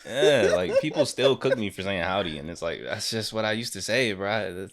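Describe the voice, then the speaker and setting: A man's voice: lowish voice, normal speed. A man with a Baltimore accent hosting a podcast, telling stories in casual chat and slipping into voices. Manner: animated storyteller, slips into voices. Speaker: podcast host.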